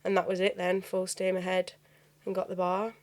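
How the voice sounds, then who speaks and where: A young woman with a Birmingham accent, a bar owner, chats as a guest in a storytelling interview, rambling through tales full of "sort of" and "like". Her voice is lowish and a little mellow, mostly monotone at a moderate pace.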